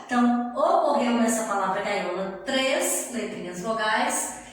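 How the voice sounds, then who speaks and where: A woman, sounding middle-aged, teaches a grammar lesson in a fairly high voice. She stretches each syllable out slowly and keeps checking in with her students. The recording sits in a very echoey room with a long reverb tail. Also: animated. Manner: slow, drawn-out syllables with frequent check-in tags.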